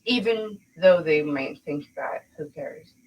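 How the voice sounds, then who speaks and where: A woman's voice: low-pitched, animated, takes it slowly, a little mellow, a little hiss or hum, rough recording. A woman hosting a podcast, talking bluntly in a casual chat, swearing freely and laughing often. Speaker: podcast host.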